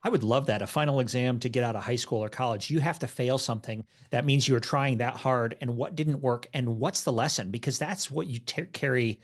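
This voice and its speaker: A man hosting a podcast interview speaks in an agreeable, upbeat way and slips in jokes. His voice sits at a middle pitch for a man. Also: brisk, hardly any pauses. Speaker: podcast host. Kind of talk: conversational interview.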